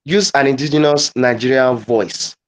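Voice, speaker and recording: A man leading a live online teaching demo, halting and repeating phrases as he dictates wording. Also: mid-range voice. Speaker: guest presenter.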